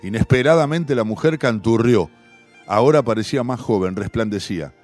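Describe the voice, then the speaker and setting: A man's voice: medium pitch, normal speed, darkish tone, soft background music. Rioplatense man reading a story. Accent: Rioplatense Spanish. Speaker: narrator.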